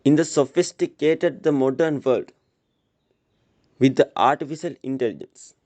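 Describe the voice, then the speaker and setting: A man giving a prepared motivational speech at a school assembly, speaking earnestly and deliberately, straight to his listeners. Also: mid-range voice, a little mellow.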